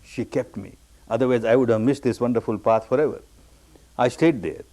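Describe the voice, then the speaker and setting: A man's voice: fairly quick, dark tone. Emphatic man teaching meditation. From Burma. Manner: repetitive, emphatic phrasing with sudden high rises on key words. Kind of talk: dharma discourse recounting his own story.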